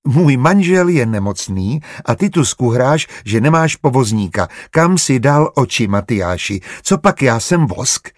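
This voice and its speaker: A man voicing a sharp-tongued, stubborn young merchant wife in an audiobook, blunt and quick to argue. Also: medium pitch, sing-song, no room sound, clean studio sound. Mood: defiant. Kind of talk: audiobook character voice.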